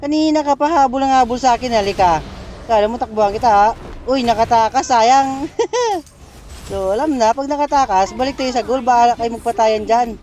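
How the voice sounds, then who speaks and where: A man streaming a mobile game, giving excitable play-by-play commentary, laughing often and taunting his opponents. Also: extremely high pitch, brisk, slight background noise. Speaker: gaming streamer. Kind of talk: live gameplay commentary.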